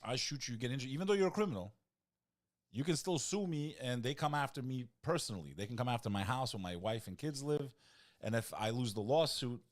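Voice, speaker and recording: A middle-aged man co-hosting a live stream, chatting and joking in an animated way. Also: mid-range voice, a little fast. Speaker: co-host. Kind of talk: casual live-stream chat.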